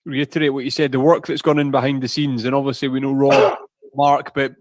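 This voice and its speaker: A man with an ordinary mid-pitched voice, co-hosting a livestream in an earnest, easygoing manner. His voice sounds close and dry. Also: flat delivery, brisk, no echo. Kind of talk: casual chat.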